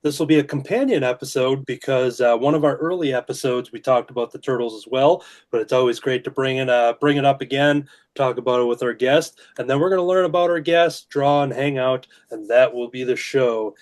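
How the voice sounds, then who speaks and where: A man hosting a casual drawing show, talking in a relaxed way with frequent "uh" fillers. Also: medium pitch, brisk, few pauses. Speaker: host. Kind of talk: casual video-call chat while drawing.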